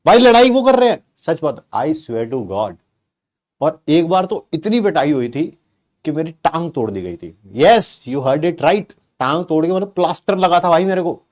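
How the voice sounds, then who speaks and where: A middle-aged man, a teacher telling a comic story from his childhood to his live class in an animated, teasing way. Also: a little high, moderate pace. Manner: animated and playful, teasing the class with rhetorical questions.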